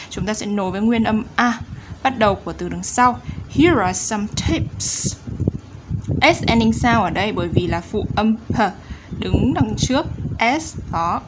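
A woman teaching English pronunciation in a Vietnamese accent. She reads English phrases slowly and carefully, then explains them briskly in Vietnamese. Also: medium pitch, lo-fi sound, background noise. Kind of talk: pronunciation lesson.

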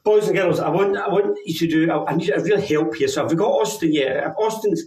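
A man's voice: a little high, fast, a little mellow, slight background noise. A man in his fifties with a Scottish accent, talking to children as a kids party magician, coaxing and repeating himself. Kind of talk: kids' party magic show patter, addressed to children. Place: indoors, living room with stage backdrop. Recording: roomy echo, distant from microphone.

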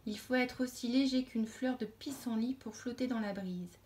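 Petit moineau de conte, ferme et explicatif, voix douce, jouée par une femme. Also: female voice, on the high side, moderate pace, a little mellow, natural voice. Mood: firm. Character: sensible little sparrow, lecturing.

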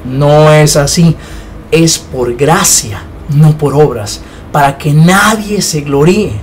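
A man's voice: fairly high pitch, slow pace, slight background noise. A man giving an informal Bible teaching, talking conversationally and often checking in with his listeners. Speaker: preacher.

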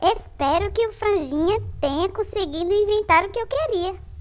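A woman's voice: very high voice, animated, normal speed. A woman voicing a proud, touchy, bossy little girl in a comic-strip cartoon. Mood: hopeful, touchy.

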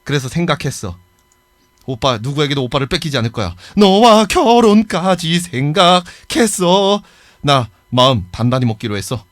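A man voicing an obsessive, lovesick young girl from a horror game, reading her lines softly with a clingy, unsettling sweetness. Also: a little high, big pitch swings, normal speed, no room sound. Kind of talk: reading game dialogue aloud.

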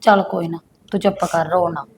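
A woman's voice: a little high, natural voice. A woman playing an outspoken middle-aged aunt who takes the young wife's side. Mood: consoling. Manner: outspoken, quick comebacks.

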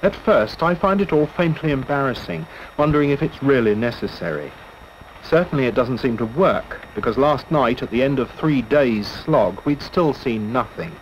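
A man reads scripted nature documentary narration in a measured, literary way. His voice sits at a middle pitch. The recording is dull and lo-fi like an old film soundtrack, with faint noise underneath. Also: animated. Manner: measured, literary storytelling in first person. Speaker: documentary narrator and expedition member.

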